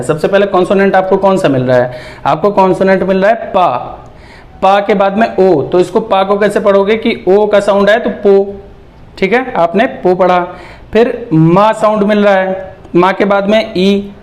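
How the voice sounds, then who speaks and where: Man, high-pitched voice, patient teacher, repeats syllables slowly, checks in often. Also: a little mellow. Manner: breaks words into sounds, repeats syllables slowly. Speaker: English teacher. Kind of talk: explanatory lesson.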